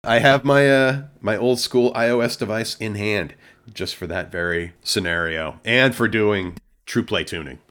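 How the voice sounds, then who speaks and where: A man's voice: lowish voice, moderate pace, a bit bright. A man co-hosting a home theater tech show in casual chat, talking things through and chuckling between points.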